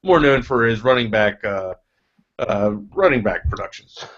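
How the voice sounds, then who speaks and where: A man's voice: lowish voice, expressive, normal speed, a bit bright. A man co-hosting a fantasy football podcast, rambling in casual chat with many restarts. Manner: rambling, many restarts and fillers, laughs easily. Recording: dull lo-fi audio.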